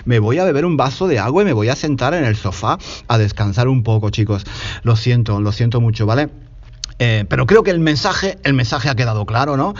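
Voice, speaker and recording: A man from Spain with a Spanish accent, hosting a Spanish lesson podcast from home, talking loudly and passionately, repeating himself, now sweaty and tired. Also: mid-range voice, muffled recording. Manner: passionate, loud, repetitive. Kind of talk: energetic podcast lesson for learners.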